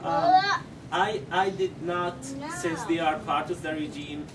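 A middle-aged man gives a halting press statement, full of ums and grammar. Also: high-pitched, sing-song, a crowd in the background. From Syria. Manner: halting, with many ums and non-native grammar. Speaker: parent speaking at a press conference. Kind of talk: prepared press statement, then answering questions. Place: conference room, seated at a table. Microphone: table microphones, heard through a far camera. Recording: distant mic with clear background noise.

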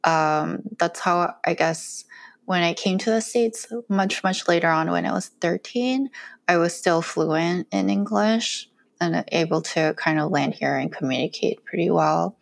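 Her lowish, creaky voice moves at an unhurried pace as this young Korean cooking creator chats and laughs through a casual interview. It's recorded on a close studio mic with earphones in a small, bright room at her home.

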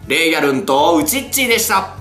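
A chatty man speaks in Kansai dialect with a lively, bouncing pitch, playful and quick to laugh. The room is echoey, with faint music in the background. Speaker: vlogger. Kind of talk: casual product showcase vlog.

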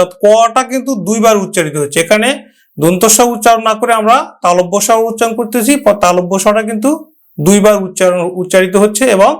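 A man teaching a pronunciation lesson, addressing students directly, explaining step by step and slowly drawing out example words. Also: high voice. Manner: slow, drawn-out repetition of example words. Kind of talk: Bengali grammar lesson.

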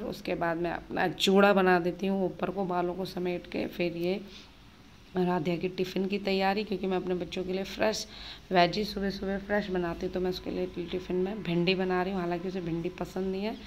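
A woman in her thirties, a mother, narrating her busy morning in a casual daily vlog, chatty and hurried. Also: on the low side, a little mellow, slight background noise. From Uttarakhand, India. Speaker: vlogger, mother of two.

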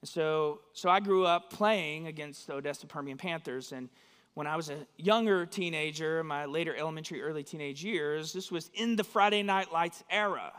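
A man's voice: fairly high pitch, moderate pace, a bit bright, clean tone. A man from West Texas, preaching a sermon in a church in a conversational way and often checking in with his listeners. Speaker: pastor. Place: church sanctuary. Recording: long hall reverb.

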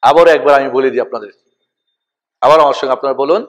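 A man teaching a lesson, slowly calling out each letter name for listeners to repeat. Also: medium pitch. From Bangladesh. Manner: slow, deliberate, spells out each letter name for repetition. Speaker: Quran teacher. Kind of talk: recitation lesson with call-and-repeat.

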